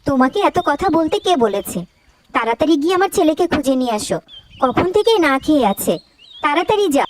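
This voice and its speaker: A woman voicing a stern, quick-tempered cartoon mother who scolds sharply. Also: high-pitched, sing-song. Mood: worried. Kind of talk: cartoon voice acting.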